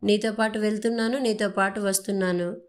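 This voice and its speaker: A proud young working wife who stands her ground and talks with indignation, as a woman narrator reads her. This is a storybook reading at a middling pitch. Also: steady tone, brisk, close to an everyday voice. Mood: angry. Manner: heated, indignant delivery.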